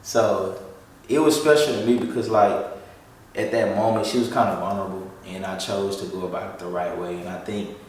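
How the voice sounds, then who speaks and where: A man's voice: low voice, steady tone, fairly quick, slight background noise. A man, joking around in a laid-back way while answering follower questions beside his partner. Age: 20s. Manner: joking, laid-back, says bro and y'all. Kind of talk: casual chat. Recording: echoey room, mic at a distance.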